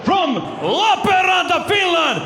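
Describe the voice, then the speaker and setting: A man's voice: very high voice, very animated. A man working as a ring announcer, formally introducing fighters and drawing out their names in boxing-announcer style. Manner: formal, drawn-out shouted names. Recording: noisy arena with crowd.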